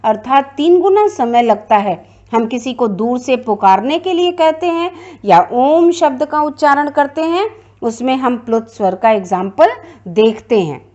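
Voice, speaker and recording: A woman's voice: high-pitched, lively intonation, unhurried, darkish tone, muffled recording. A woman teacher giving a classroom grammar lecture, explaining step by step and repeating her points.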